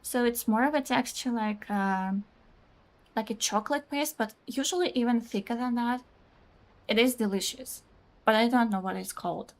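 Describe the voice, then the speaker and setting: A young woman whose first language is Russian talks at a normal speed in a fairly high voice. She's streaming a game, chatting casually and rambling with lots of "like"s. She reads out chat messages and laughs often.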